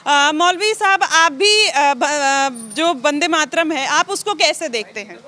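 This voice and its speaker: Woman street reporter, probing style; high, bright voice. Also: expressive, takes it slowly. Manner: pressing, probing questions. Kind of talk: street interview.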